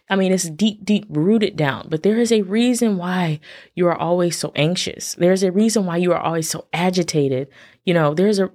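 Casual podcast host, woman in her thirties, lowish voice, chatty and animated with listeners. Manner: chatty, animated, addresses listeners as y'all and sis. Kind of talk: casual solo podcast talk.

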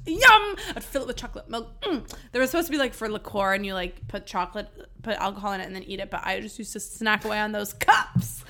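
A New York woman in her twenties co-hosts a podcast, telling a funny story full of laughter and casual swearing. Her mid-range voice is a bit bright, and she talks fast.

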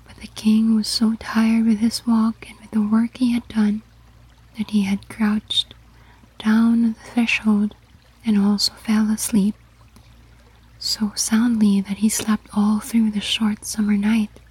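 Slow breathy whispering woman storyteller. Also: medium pitch, low-quality recording. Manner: steady unvoiced whisper throughout. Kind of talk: whispered ASMR story reading.

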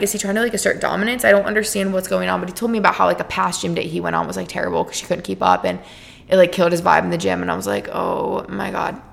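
A woman in her twenties, a podcast host casually telling a story in a chatty, animated way. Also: mid-range voice, vocal fry. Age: 20s. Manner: chatty, animated, heavy use of "like" and "freaking".

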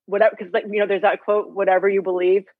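A woman in her forties talks in a lively, rambling way, packed with "like" and "you know". Her voice comes through a thin, tinny line that sounds phone-like. The sound is dry, with no room around it. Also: mid-range voice, fast, no echo. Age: 40s. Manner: chatty, filler-heavy, animated retelling. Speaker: health coach, guest. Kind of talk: candid interview storytelling.

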